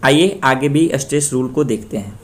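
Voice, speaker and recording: A young man from Bihar, India, teaching a Spanish pronunciation lesson, explaining rules plainly and repeating example words loudly with stressed syllables. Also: mid-range voice, normal speed. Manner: plain explanatory tone, mixes English terms into speech. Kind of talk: slow screen-share language lesson.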